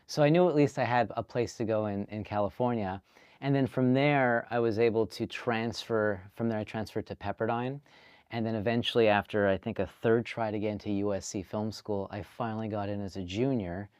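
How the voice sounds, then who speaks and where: A filmmaker from Canada talks through his story in a casual interview. His voice sits low and sounds smooth and resonant. The recording is dry and close. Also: fairly quick, no echo. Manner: relaxed storytelling, chatty with fillers. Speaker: guest filmmaker.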